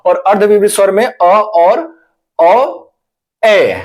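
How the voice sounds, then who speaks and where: Slow-paced man teaching, self-questioning. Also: sits high, a little mellow. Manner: asks questions and answers them himself, repeats key terms; addresses viewers as friends. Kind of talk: exam-prep Hindi grammar lesson.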